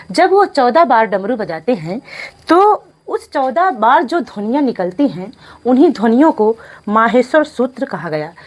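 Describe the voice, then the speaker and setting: A woman teaches an online Sanskrit class. She poses questions and answers them herself, then recites slowly, syllable by syllable, so students can repeat after her. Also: fairly high pitch.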